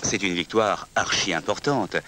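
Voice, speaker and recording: A man reads scripted historical documentary narration in a measured, solemn manner. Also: low voice, over music.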